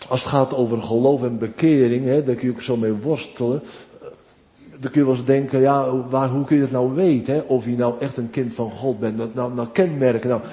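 A man preaching a sermon to his congregation, earnest and deliberate. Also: medium pitch, fairly even intonation, mellow. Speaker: pastor. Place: church. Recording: long church reverb.

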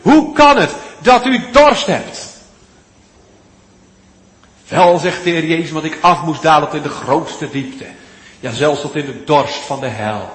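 A man preaching a sermon, swinging between loud, pleading appeals and hushed, almost whispered lines. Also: mid-range voice. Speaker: pastor. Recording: echoey church hall, long reverb.

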